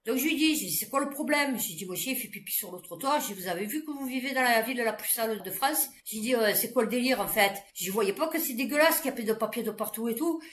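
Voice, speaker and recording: A woman vlogger telling stories in an animated, slangy rant, with loud outbursts and laughs. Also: a little high, quick pace, few pauses, a little hiss or hum. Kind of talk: casual ranting monologue. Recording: roomy echo.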